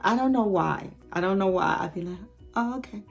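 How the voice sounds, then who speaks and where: A woman's voice: on the low side, brisk, creaky, faint music behind. A woman in her late fifties chatting candidly and laughing often as she answers viewer questions in a casual vlog. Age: late 50s. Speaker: YouTube host.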